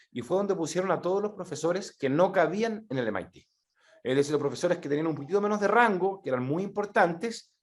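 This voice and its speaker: Middle-aged Chilean male speaker, lively talk to an audience, slightly high pitch. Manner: animated, repeats words for emphasis. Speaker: speaker presenting a methodology.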